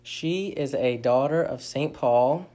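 A man hosting a faith podcast, introducing his guest in a relaxed, somewhat hesitant way. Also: medium pitch, slow. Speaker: podcast host. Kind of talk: casual interview hosting.

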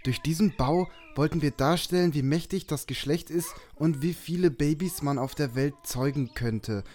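A man's voice: fairly high pitch, normal speed, darkish tone, natural voice. A man voicing a goofy, dim-witted hunter who talks in a silly, nonsensical way, in an amateur audio drama.

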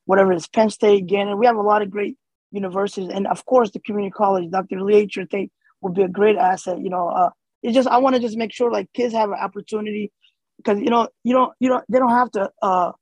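A man's voice: sits high, no room sound, low-quality recording. A man born in Somalia and raised in the US, speaking as an interview guest in a casual, hesitant way with many fillers and restarts. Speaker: interview guest, community organizer.

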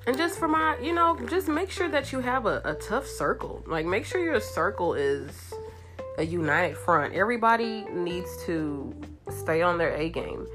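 A woman with a fairly low voice, thick and nasal from a head cold, as if one nostril were plugged. She chats casually to her listeners like a girlfriend, repeating words for emphasis, over clearly audible guitar music. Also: measured pace. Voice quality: nasal, blocked nose. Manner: animated, informal girlfriend talk with emphatic repetition. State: congested with a cold, stuffy pinched-nose sound. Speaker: host of a gossip and girl-talk show. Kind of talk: casual chatty monologue to listeners.

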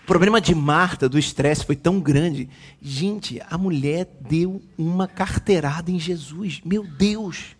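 A man preaching a lively sermon, joking with the congregation and acting out quotes. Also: a little high, unhurried, husky. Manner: animated, jokes with the congregation, acts out quotes. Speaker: pastor.

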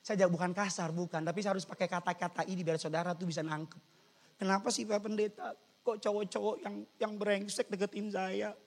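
A man's voice: high-pitched, flat delivery, fairly quick. A man quoting a whiny young woman. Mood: complaining. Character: young woman complaining about bad boyfriends. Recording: long church-hall reverb.

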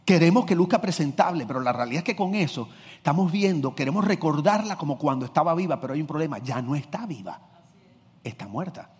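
Preaching a sermon with lively intonation and a quick pace, this pastor's fairly high, husky voice shifts from loud, forceful emphasis to quiet confiding asides as he acts out small scenes. The audio has a long church-hall reverb.

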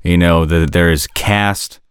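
A man hosting a podcast in casual analytical conversation, often pausing to search for words and rephrase. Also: low voice, steady tone, clean tone, no room sound, studio quality. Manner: hesitant, searching for words, self-correcting. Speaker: podcast host discussing an animated series.

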